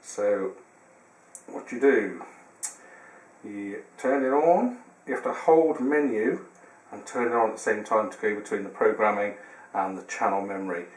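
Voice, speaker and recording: A man with a lowish, unhurried voice presents a casual how-to demonstration, explaining each step somewhat hesitantly. The recording is roomy, with a distant mic and faint noise.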